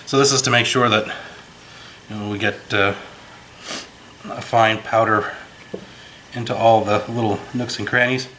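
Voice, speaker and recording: An American man who scraps metal on YouTube talks casually through his work at an indoor workshop bench, sniffling, thinking aloud and poking fun at himself. His voice sits on the low side with fairly even intonation, a measured pace and long pauses, sounding pushed and bright over slight background noise.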